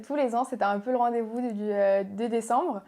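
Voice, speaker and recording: A young woman from Portugal, a pageant contestant answering interview questions in a soft, hesitant way with many pauses and fillers. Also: a little high, steady tone. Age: young adult. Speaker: guest, beauty pageant contestant.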